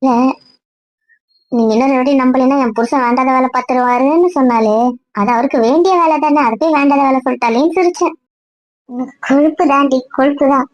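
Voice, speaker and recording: High-voiced teasing woman, lo-fi drama. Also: fairly quick, no room sound. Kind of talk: amateur web series acting.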